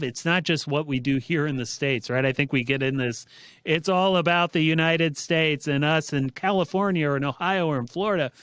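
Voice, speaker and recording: Earnest guy hosting a podcast, smooth voice, dry close sound, measured storytelling. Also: medium pitch, a bit bright, dry recording. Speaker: podcast host. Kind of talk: reflective monologue and interview intro.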